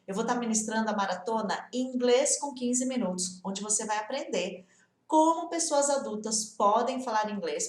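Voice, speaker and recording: A woman's voice: fairly high pitch, echoey room. A woman with a Brazilian Portuguese accent giving a casual online English lesson, chatty and encouraging, often checking in with her students. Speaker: English teacher.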